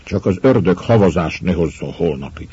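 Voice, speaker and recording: A man reading the part of an easygoing young squire who talks in a relaxed, offhand way. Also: low-pitched, breathy edge, heavily acted. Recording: dull lo-fi recording.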